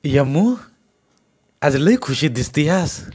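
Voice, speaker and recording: A man's voice: a little high, lively intonation, slow, darkish tone, slightly rough, voice pushed up, full character voice. A man voicing an eager young village husband with a rural Marathi accent.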